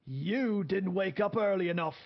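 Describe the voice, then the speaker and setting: Man putting on a bossy old Scottish soldier, high-pitched, shouty, dull lo-fi sound. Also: moderate pace. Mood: angry. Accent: put-on Scottish. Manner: barking, shouty. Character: gruff older male human soldier, impatient and bossy. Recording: dull lo-fi audio.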